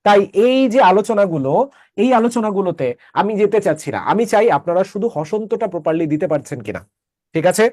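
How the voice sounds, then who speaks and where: A man's voice: high-pitched, animated, fairly quick, a little mellow, dry recording, studio quality. A man teaching an online class, explaining step by step and checking that students follow with short questions.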